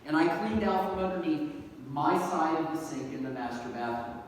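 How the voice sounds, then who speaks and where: An earnest man speaking at a banquet, with folksy humor and a fairly high voice. He sounds far from the mic, in a hall with a long, ringing echo. Faint room ambience sits behind him. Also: lively intonation, moderate pace, slight background noise. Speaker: guest speaker from a law-enforcement agency. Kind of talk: banquet speech. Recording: echoey hall from a distance.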